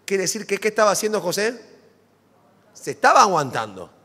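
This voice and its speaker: Argentine male pastor, dramatic sermon delivery, lively pitch, reverberant sanctuary. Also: a little fast. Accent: Argentine Spanish. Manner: dramatic, animated preaching with rhetorical questions. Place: church sanctuary. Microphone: stage microphone. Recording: long church hall reverb.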